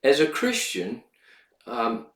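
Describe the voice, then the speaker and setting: A man's voice: medium pitch, wildly swooping pitch, fairly bright tone. Man with a tinny, hollow voice. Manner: measured, lecturing delivery with occasional filler words. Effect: tinny, hollow sound like talking inside a tin can. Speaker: podcast host. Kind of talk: spoken commentary on law and religion. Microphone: makeshift sound system instead of his usual microphone. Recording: hollow, echoey tinny sound.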